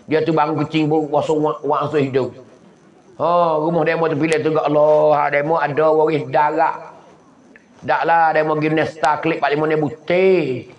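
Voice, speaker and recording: A man from southern Thailand with a Patani Malay accent, giving a folksy religious lecture and mimicking animal noises as he tells stories. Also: on the high side. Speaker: Islamic preacher. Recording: echoey lo-fi recording.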